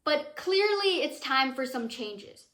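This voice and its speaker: A teenage girl vlogging about cricket in a chatty, excitable way, full of fillers. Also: high voice, takes it slowly, roomy sound. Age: teens. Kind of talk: casual cricket commentary vlog.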